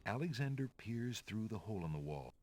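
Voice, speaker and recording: A man narrating a fantasy video game in a measured, theatrical, gently wry storybook manner. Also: fairly low pitch, big pitch swings, slight background noise.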